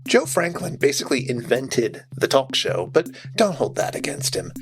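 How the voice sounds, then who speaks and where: A man's voice: medium pitch, sing-song, moderate pace, creaky. A man co-hosting a podcast, giving informal, wry commentary and trivia about a film. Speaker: podcast co-host. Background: music.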